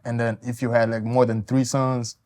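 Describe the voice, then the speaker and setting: A Tanzanian man in his twenties answers interview questions softly and politely, his phrasing loose and hesitant. He speaks at a moderate pace with a medium pitch that barely moves.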